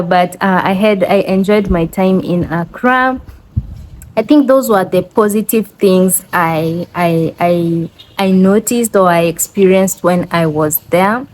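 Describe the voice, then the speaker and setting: A woman's voice: fairly low pitch, a little mellow, rough recording. A woman with a Kenyan accent telling a story casually as a travel vlogger, chatty and emphatic, repeating words to make her point. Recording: clear background noise.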